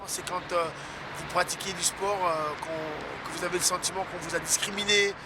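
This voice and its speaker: A man's voice: sits high, fairly even intonation, normal speed. A man from West Africa giving a documentary interview, earnest and hesitant with many fillers. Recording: clear street noise behind.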